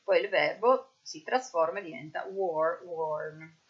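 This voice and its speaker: A woman's voice: on the low side, husky, dull audio. A woman with an Italian accent teaching English verbs, drilling each form methodically. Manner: slow, methodical drilling of verb forms. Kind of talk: recorded grammar lesson.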